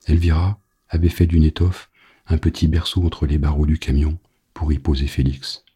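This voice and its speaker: A man reading a novel aloud as an audiobook narrator, in a grave, measured way. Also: a bass voice, steady tone, dark tone, slightly rough.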